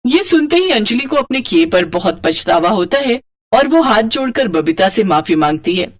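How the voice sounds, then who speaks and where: A woman narrating an animated moral story in an expressive storytelling manner. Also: mid-range voice, moderate pace, no room sound, studio quality.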